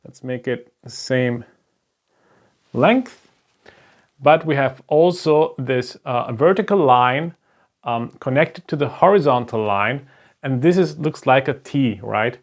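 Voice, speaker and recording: A man with a mid-range voice speaks at a slow pace in a slow explanatory Hebrew lesson at a board. A native German speaker with a German accent, he teaches patiently step by step, checking in with "right?"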